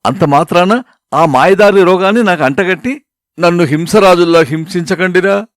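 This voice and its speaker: A man's voice: sits high, normal speed, dry recording, clean studio sound, pitched above the performer's own voice, close to an everyday voice. A man doing a grumbling sick husband. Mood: exasperated. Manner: whining, complaining.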